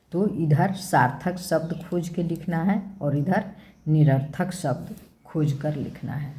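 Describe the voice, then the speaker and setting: Slow, low-voiced woman teaching children. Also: darkish tone. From India. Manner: slow, spells words sound by sound. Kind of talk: worksheet lesson for young children.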